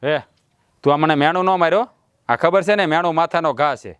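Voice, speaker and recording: A man's voice: fairly high pitch, fairly quick, a bit bright, smooth, no room sound, close to an everyday voice. A man playing a boastful village husband who swears to fix things in a family drama. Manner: boastful, swaggering, blustering. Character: proud blustering village husband, middle-aged.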